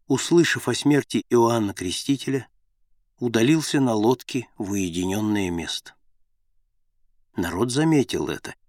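A man reading a Bible story aloud in a measured, solemn narration. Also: mid-range voice, a little mellow, dry recording, studio quality.

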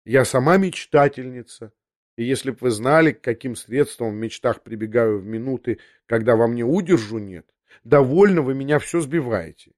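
A man's voice: medium pitch, normal speed, a little mellow, lightly acted. A man voicing an agitated, tearful noblewoman. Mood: confiding. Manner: breathless, restless, half talking to herself. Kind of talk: audiobook character voice.

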